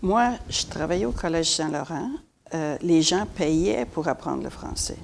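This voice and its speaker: Older Québécoise panel guest, low gravelly voice, chatty, faint hiss behind. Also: female voice, expressive, unhurried. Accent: Québécois French. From Montreal, Quebec. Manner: chatty, many fillers. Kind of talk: casual panel talk.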